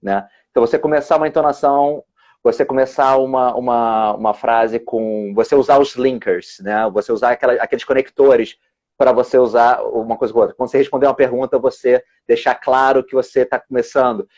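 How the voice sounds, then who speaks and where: A man's voice: mid-range voice, steady tone, a little fast, darkish tone. A man, an English teacher and exam examiner explaining on a live stream, often restarting his words. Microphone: video call. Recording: dull lo-fi video call audio.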